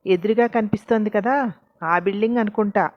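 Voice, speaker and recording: A woman's voice: medium pitch, brisk, no room sound, muffled recording, lightly acted. Woman voicing a sly chatty servant woman. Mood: coaxing.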